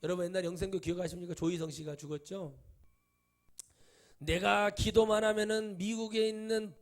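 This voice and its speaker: Middle-aged male pastor, higher voice, animated preacher firing rhetorical questions. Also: normal speed. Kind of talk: sermon.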